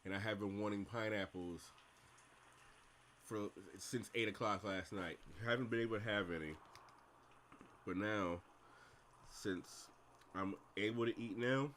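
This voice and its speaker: A deep-voiced man talks loosely on a livestream, rambling between mouthfuls with content hums. His tone is bright and forward, with a faint hiss of noise underneath. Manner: relaxed, rambling, with humming pauses while eating. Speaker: livestream host. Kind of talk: casual chat while working.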